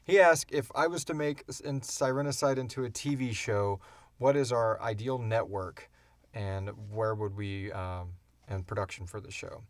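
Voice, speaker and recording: The creator and co-host of a fiction podcast speaks in a voice on the low side at normal speed, with no echo from his small enclosed recording booth. He chats casually and rambles enthusiastically while answering questions.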